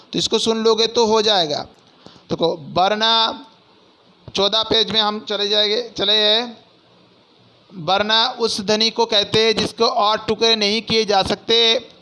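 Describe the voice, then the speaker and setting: A man's voice: high-pitched, bright, forceful tone, clear, resonant tone. A man teaching a grammar lesson in an online class, spelling out words one syllable at a time over a video call. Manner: slow, syllable-by-syllable dictation of letters. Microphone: computer mic on a video call.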